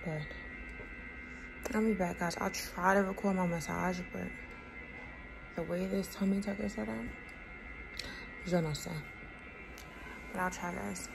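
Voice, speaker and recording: Weak, weary young woman after surgery, creaky voice. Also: fairly low pitch, steady tone, unhurried, long pauses, music in the background. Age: young adult. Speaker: vlogger. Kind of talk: casual personal vlog. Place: small indoor rooms with bare walls. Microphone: phone held at arm's length. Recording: noisy handheld phone audio.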